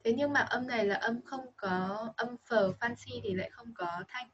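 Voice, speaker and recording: A woman's voice: a little high, normal speed, muffled recording, a little hiss or hum. A woman with a Vietnamese accent teaching English pronunciation to a child, patient and coaching, modelling sounds over and over. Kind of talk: online pronunciation lesson for a child.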